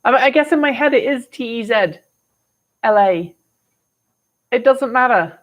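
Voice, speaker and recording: A woman's voice: on the high side, animated, moderate pace. A woman with an English accent, from England, hosting a casual live stream and answering viewer comments in a chatty, rambling way with wry, exasperated asides. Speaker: host of an electric vehicle show.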